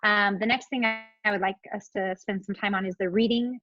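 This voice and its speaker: A woman's voice: medium pitch, fairly even intonation, fairly quick, pushed and bright, no room sound. A woman pastor hosting a casual panel discussion, explaining things in a chatty way with many fillers. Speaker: pastor and host. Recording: dull lo-fi, dry sound.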